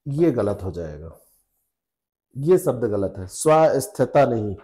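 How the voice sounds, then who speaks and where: A man's voice: fairly low pitch, big pitch swings, slow pace, dark tone. A man teaching spelling rules to exam students, repeating each rule patiently and checking with the class. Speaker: Hindi exam tutor.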